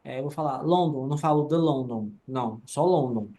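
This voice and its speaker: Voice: medium pitch, brisk, dark tone, slight background noise. Teacher explaining grammar patiently. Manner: explains rules step by step, often ends with "tá?". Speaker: English teacher. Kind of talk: online grammar class.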